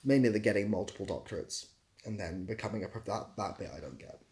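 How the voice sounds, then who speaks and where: Speaking quickly in a lowish, slightly mellow voice, a man on a livestream reads chat questions aloud and answers them. His replies ramble casually and poke fun at himself.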